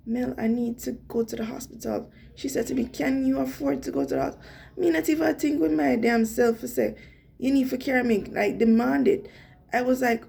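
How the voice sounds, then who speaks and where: A young adult woman with a Jamaican accent telling a personal story in an earnest, animated way, slipping into patois. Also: medium pitch, gravelly. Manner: earnest, animated retelling with quoted dialogue and Jamaican patois slips. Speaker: vlogger.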